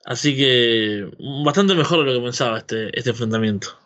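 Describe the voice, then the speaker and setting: A man with a Rioplatense Spanish accent talks casually as a podcast host. His tone is sharp and bright at a medium pitch, and he rambles, checking for agreement as he goes. The microphone sounds a little lo-fi. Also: moderate pace. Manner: rambling, seeking agreement with frequent tag questions. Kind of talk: casual opinionated chat about wrestling.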